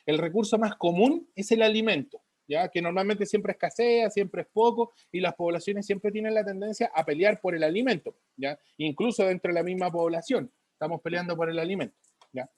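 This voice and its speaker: A man's voice: high voice, fairly quick, a little mellow, dry recording. A male biology teacher, giving a recorded class and checking in with a repeated "ya?" while writing on the board. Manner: repeats a questioning "ya?" after each point; writes on a board while talking, drifting from the mic.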